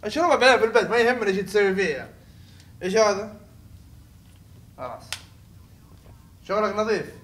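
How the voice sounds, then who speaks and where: A young man doing playful, teasing let's-play commentary, often laughing and breaking into shouts. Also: high-pitched, expressive, fast, pauses often. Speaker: gaming video host.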